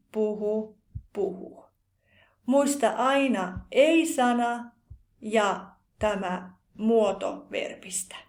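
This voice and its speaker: A woman teaching a language lesson, slowly and deliberately pronouncing verb forms one by one in a scripted grammar drill. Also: a little high, a little mellow.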